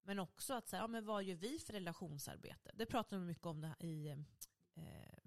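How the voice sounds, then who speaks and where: A woman co-hosting a casual chat, telling stories in a lively way and acting out what others said. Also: mid-range voice, gravelly. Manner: lively storytelling, acts out quotes.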